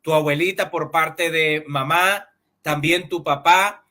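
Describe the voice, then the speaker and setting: A male interview host with a high, bright voice who speaks slowly. He frames his questions in a measured, formal way. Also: steady tone. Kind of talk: interview hosting.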